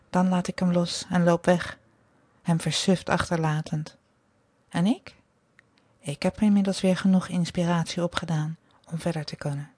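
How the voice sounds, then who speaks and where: Low-voiced woman reading an erotic fantasy. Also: darkish tone, dry recording. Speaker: host of an adult radio show. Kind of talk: reading her own erotic fantasy aloud.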